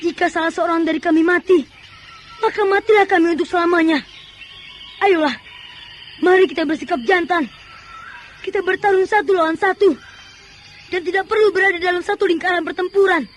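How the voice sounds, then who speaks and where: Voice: very high voice, fairly even intonation, fairly quick, pauses often, a little hiss or hum. A performer playing a bold, taunting young fighter in an old radio drama, with theatrical delivery. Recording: music under radio drama.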